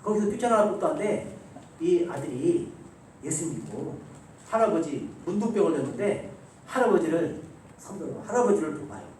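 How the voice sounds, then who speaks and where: A male pastor preaching a Sunday sermon, telling stories with emphasis and swinging between loud and soft delivery. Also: fairly high pitch, lively intonation, moderate pace, a little hiss or hum. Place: church sanctuary. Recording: very echoey church hall, voice from far off, faint ambience.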